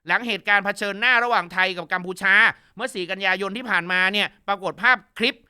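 A man hosting a casual news commentary show, gossiping in an animated, crude and joking way. His voice sits fairly high with a very bright, sharp edge. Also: quick pace, clean tone.

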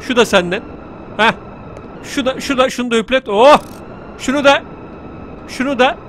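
Man, very high voice, bright and forceful, joking let's play commentary, excitable. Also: moderate pace, slight background noise. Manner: joking, teasing, excitable outbursts. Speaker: gaming YouTuber.

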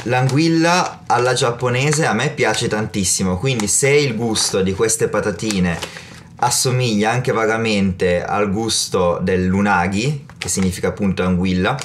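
A man's voice: on the low side, unhurried, a little hiss or hum. A man in his thirties talking casually to camera as a travel vlogger, recorded in a small room. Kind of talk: casual talk to camera, snack tasting.

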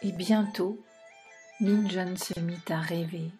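A woman's voice: lowish voice, fairly even intonation, slow, warm tone, faint music behind. A woman narrating a children's storybook expressively and speaking directly to the young listener.

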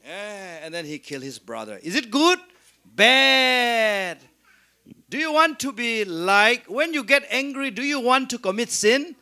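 High-voiced man quizzing a Bible class. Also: very animated, unhurried, bright, forceful tone. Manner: asks questions and answers them himself; leads call-and-response repetition. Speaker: Sunday school teacher. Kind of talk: interactive Bible lesson.

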